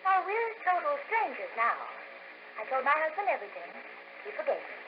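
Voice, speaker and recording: A gushing scheming widow on an old wire recording. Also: female voice, high voice, sing-song, brisk, lo-fi sound, noisy background. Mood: coy. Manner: breathy, flustered and fawning. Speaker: client's widow. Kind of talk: 1940s radio drama acting.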